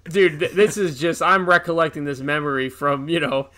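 A man in his thirties co-hosts a podcast and tells casual anecdotes. His voice is bright and fairly high for a man, and he is animated and profane, acting out the quotes. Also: normal speed. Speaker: podcast co-host. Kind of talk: casual storytelling chat.

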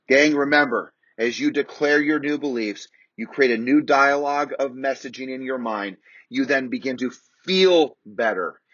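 A man's voice: on the high side, a bit bright, breathy edge, no echo, highs cut off. A man coaching real estate agents in an emphatic, repetitive motivational talk.

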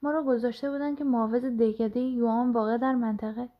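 A woman doing loud, harsh male soldiers. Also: a little high, fairly even intonation, dull audio, natural voice. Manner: shouting.

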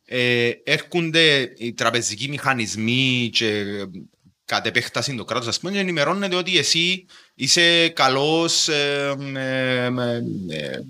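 A man's voice: mid-range voice, sharp tone. A man with a Cypriot Greek accent hosting a casual conversational interview, explaining things informally with everyday examples. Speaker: podcast host.

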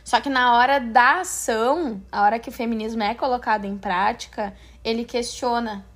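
A woman's voice: fairly high pitch, normal speed. A woman chatting casually and loosely, with many fillers. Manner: relaxed, uses many fillers like "tipo assim". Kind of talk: casual discussion.

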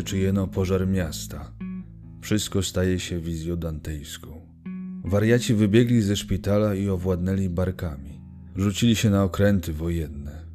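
Deep-voiced man reading a story. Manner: measured, solemn reading. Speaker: audiobook narrator. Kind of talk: scripted literary narration. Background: guitar music.

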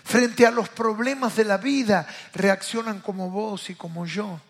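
Raspy high-voiced Rioplatense preacher. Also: male voice, measured pace. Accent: Rioplatense Spanish. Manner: impassioned, swings from loud calls to hushed asides. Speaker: pastor. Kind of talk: sermon.

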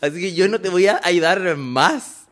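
A man's voice: sits high, a little slow, a bit bright. A young man with a Chilean accent, co-hosting a casual podcast chat with teasing sarcasm. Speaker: podcast co-host.

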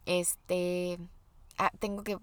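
A woman's voice: fairly low pitch, little pitch movement, very slow, smooth, no room sound. A young Mexican woman hosting her podcast, talking casually and confidingly about her life and acting out the lines she quotes. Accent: Mexican Spanish. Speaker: podcast host. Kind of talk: casual personal monologue.

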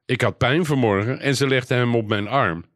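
A man's voice: medium pitch, moderate pace, fairly bright tone, dry recording, clean studio sound, pitched above the performer's own voice, close to an everyday voice. A man voicing a mocking, teasing boy in a storybook reading, mock-serious and jeering.

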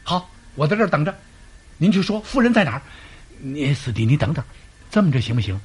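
A man doing a crafty lord, low and mournful. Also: very animated, brisk, breathy edge, heavily acted. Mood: hesitant. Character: crafty middle-aged male lord, hesitant and tearful.

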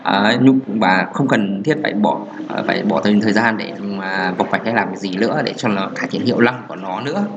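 A man's voice: lowish voice, a little fast, few pauses, dull audio, noisy background. Rambling man talking on a podcast. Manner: rambling with many fillers and restarts. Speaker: podcast host. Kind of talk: casual solo podcast talk on marketing.

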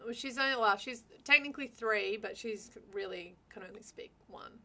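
Aussie woman w a really broad accent, very bright forceful voice, frank casual chat. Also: a little high, moderate pace. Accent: broad Australian. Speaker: conversation participant.

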